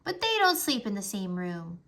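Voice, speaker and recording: A woman voicing a chatty, attention-seeking little boy in a storybook read-aloud, speaking with excited outbursts. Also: mid-range voice, normal speed. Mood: chattering.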